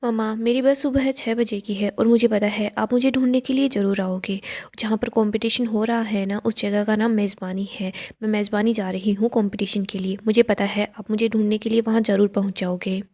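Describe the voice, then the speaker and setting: A woman's voice: medium pitch, fairly even intonation, brisk, few pauses, a little mellow, close to an everyday voice. A woman voicing a young daughter, an earnest and determined girl, in a pleading, earnest way.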